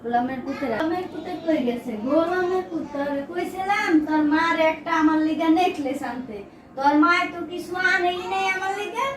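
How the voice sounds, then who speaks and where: A woman's voice: high voice, a little fast, darkish tone, lightly acted. A woman playing a greedy young wife nagging about a necklace in rustic speech. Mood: demanding. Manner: whiny, nagging dialect speech. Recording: echoey room, far from mic, clear background noise.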